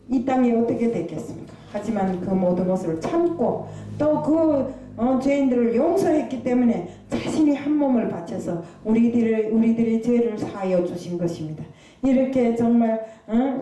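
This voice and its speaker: A woman's voice: a little high, mellow. A woman preaching a confessional sermon, asking rhetorical questions and hesitating often as she talks. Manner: confessional, self-critical. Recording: very echoey room, far from the mic.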